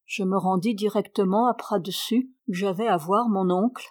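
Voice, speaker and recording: Woman audiobook reader, mid-pitched, measured delivery, dry close sound. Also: darkish tone, no echo. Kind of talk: reading a novel aloud.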